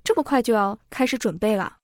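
A woman's voice: fairly high pitch, lively intonation, quick pace, no echo, clean studio sound, natural voice. A woman voicing a practical, puzzled male household servant who asks blunt questions, in a story reading.

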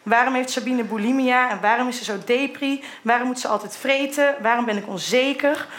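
A woman's voice: fairly high pitch, brisk, a bit bright. A middle-aged woman reading her old teenage diary entries aloud in a candid way, sometimes laughing at what she wrote. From Netherlands.

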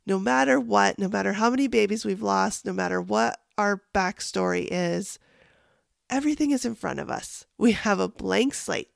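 A woman with a gravelly, lowered voice, hosting a solo podcast in a casual, conversational and encouraging way, speaking straight to the listener. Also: moderate pace, dry recording, clean studio sound. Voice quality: deep gravelly voice, sounding huskier than usual. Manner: encouraging, addresses the listener directly. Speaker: podcast host and life coach.

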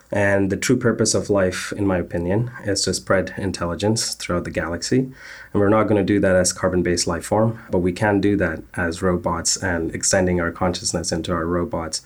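A man, a startup founder, answering interview questions in an earnest, technical way with frequent filler sounds. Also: low voice.

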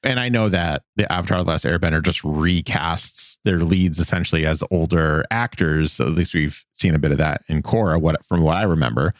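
A man's voice: deep voice, brisk, few pauses, dry recording, studio quality. A man co-hosting a podcast, talking in a chatty, enthusiastic way full of filler words. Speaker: podcast co-host. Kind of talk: casual chat.

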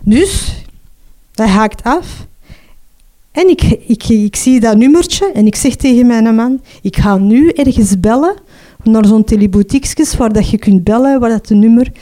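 A middle-aged Flemish woman telling her own story as a mother, emotional and halting, often restarting and adding "hè". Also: on the high side, warm tone. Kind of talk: personal testimony.

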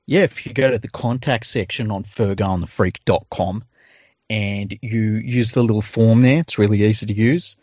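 A man's voice: fairly low pitch, moderate pace, darkish tone, no room sound, highs cut off. An Australian man co-hosting a podcast in casual chat and informal ad reads, with a jokey, informal manner. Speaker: podcast co-host.

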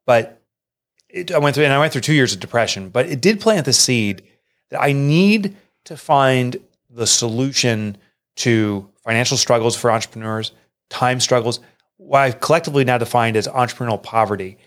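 An expressive middle-aged man, an author and entrepreneur, shares a personal story at normal speed in an interview. He sounds earnest and emotional, jumping up in pitch as he quotes people.

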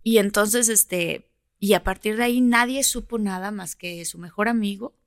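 Mujer mexicana que cuenta historias con voz seca. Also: female voice, medium pitch, normal speed, dry recording, studio quality. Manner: lively, animated storyteller. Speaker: podcast guest. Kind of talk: casual storytelling chat.

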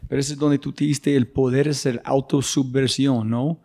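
A man hosting an interview, asking probing questions in a halting, conversational way. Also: mid-range voice, steady tone, warm tone. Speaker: interview host.

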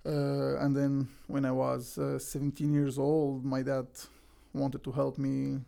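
Gravelly Egyptian-accented young man. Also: medium pitch, monotone, unhurried, dark tone. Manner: plain, earnest, simple non-native phrasing with restarts. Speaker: guest, professional soccer defender. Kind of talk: casual interview answers.

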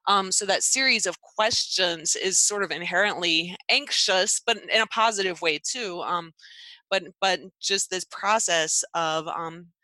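Bright-voiced, reflective woman. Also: fairly low pitch, measured pace, no echo, rough recording. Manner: reflective, encouraging. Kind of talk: casual conversation.

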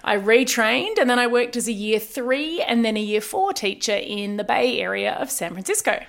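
A middle-aged Australian woman, a teacher and former journalist, chatting as a guest in an interview and explaining things clearly. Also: a little high, expressive, moderate pace. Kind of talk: casual interview chat.

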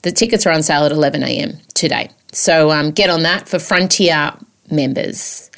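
Campy Australian woman, theatrical and lower-pitched. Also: moderate pace, creaky, a bit bright. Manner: campy, theatrical, self-mocking, sweary. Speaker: podcast host and comedian. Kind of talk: chatty comedic podcast monologue.

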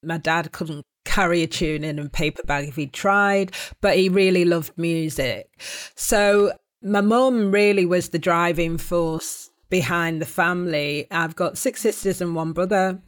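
A woman's voice: lowish voice, a little slow. Chatty Mancunian woman, laughing often. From Manchester, England. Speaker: DJ guest. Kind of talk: casual interview storytelling.

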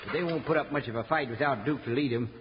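An actor playing a crafty but sheepish old gold miner in a radio western, with a drawling rural Western American accent. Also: male voice, medium pitch, fast talker, close to an everyday voice. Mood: pleased. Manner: drawling, colloquial. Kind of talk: 1950s radio western acting. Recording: noisy, dull, echoey old radio recording.

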